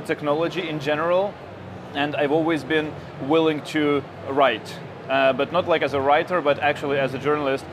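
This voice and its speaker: A man's voice: on the high side, noisy background. A man from Ukraine, a tech journalist in his thirties, answering interview questions with lots of fillers and restarts. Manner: hesitant, many fillers and restarts. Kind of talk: conference interview.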